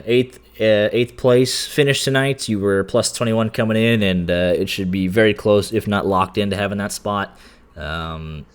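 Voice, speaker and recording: A man's voice: fairly low pitch, slight background noise. A man broadcasting post-race interviews with sim racing drivers, chatty and full of fillers. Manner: chatty, filler-heavy, stumbles and laughs.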